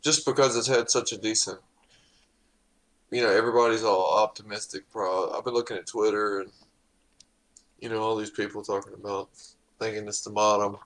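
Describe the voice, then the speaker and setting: A man's voice: on the low side, steady tone, normal speed, long pauses, fairly bright tone, poor audio. A man chatting casually in a hesitant, rambling way. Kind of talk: casual chat.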